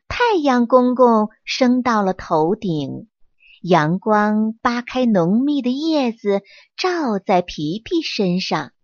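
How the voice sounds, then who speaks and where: A woman narrates a children's bedtime story in a soft, soothing, unhurried voice. Her pitch sits high and moves a lot. The recording is dry and slightly lo-fi. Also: no echo.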